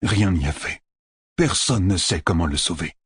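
A man's voice: low-pitched, lively intonation, normal speed, slightly rough, full character voice. A man reading an audiobook voices a despairing male healer with a muffled, hopeless way of speaking. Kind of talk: audiobook character voice.

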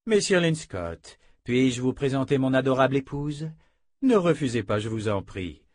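A man's voice: medium pitch, sing-song, normal speed, a little mellow, pitched above the performer's own voice. Dalton, a man playing a suave scheming nobleman. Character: scheming middle-aged nobleman, suave and ironic.

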